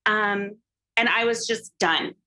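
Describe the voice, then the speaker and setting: A woman with a sharp-toned, medium-pitched voice speaks slowly on a podcast, opening up emotionally about a personal story tied to her photography business. She fills her talk with "like" and "um," and the recording quality is low.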